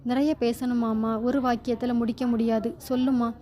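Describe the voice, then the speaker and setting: An older father-in-law, gentle and anxious, slowly soothing his family, put on by a woman reading a story aloud. The tone is mellow and rounded, sitting a little high. It comes across as a storybook scene. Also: flat delivery, lightly acted. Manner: slow, reassuring. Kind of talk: storybook narration.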